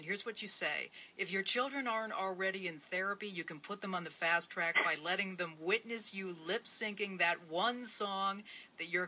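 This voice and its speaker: A woman's voice: mid-range voice, pushed and bright. An American woman hosting a public radio interview and call-in show in an informal, enthusiastic way.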